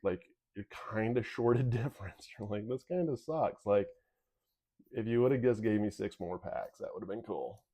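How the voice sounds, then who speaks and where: A man with a low voice chats casually as he opens card packs for viewers. His nose is sniffly and whistles as he talks. He rambles along candidly. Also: normal speed, mellow. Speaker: video host. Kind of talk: casual card pack opening commentary.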